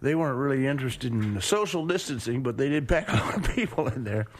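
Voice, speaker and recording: A man's voice: mid-range voice, lively intonation, fast. A hungover man with the sniffles hosting a radio show, chatting in a loose, rambling, offhand way. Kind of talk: casual rambling radio chat.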